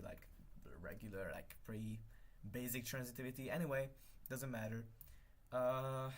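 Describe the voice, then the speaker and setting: A young man with a mid-range voice, whose first language is Hungarian, chats casually on a live stream as he works. He rambles, corrects himself often and uses many fillers.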